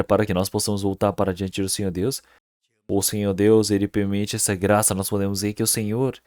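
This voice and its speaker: At a Sunday church service, a male pastor preaches earnestly and emphatically, repeating words and often posing rhetorical questions to the congregation. His voice is lowish and darkish, in a dry, studio-quality recording.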